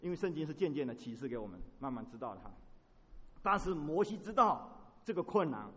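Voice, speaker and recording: A man preaching a sermon, moving between quiet reflection and loud, impassioned passages, often ending sentences with a soft "哈". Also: a little high, sing-song, brisk. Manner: adds a soft "哈" tag to sentences. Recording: long hall reverb.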